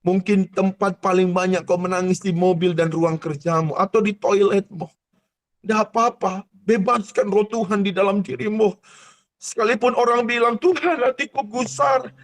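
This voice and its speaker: A high-voiced man preaches a fervent charismatic sermon. He rises to shouted exhortations, then drops to hushed intensity, and at times breaks into tongues. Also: fairly even intonation, moderate pace. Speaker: pastor.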